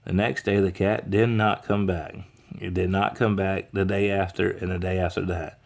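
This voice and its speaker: A deep-voiced man reads a children's picture book aloud. He now and then stumbles and restarts over words as he goes. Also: level tone, moderate pace, vocal fry. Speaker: reader.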